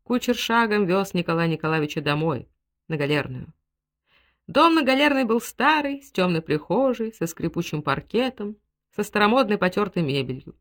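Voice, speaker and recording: A woman reads a classic novel aloud in an expressive, dramatic way. Her pitch moves lively around a mid-range voice. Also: normal speed. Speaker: audiobook reader. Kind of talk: scripted literary narration.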